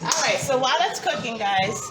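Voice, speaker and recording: A woman's voice: high voice, big pitch swings, moderate pace. A woman from New Jersey with a New Jersey accent, chatting playfully and giggling as she demonstrates a recipe in her home kitchen. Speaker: cooking vlogger. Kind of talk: casual cooking demonstration. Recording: loud music playing behind her. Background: hip hop and EDM music.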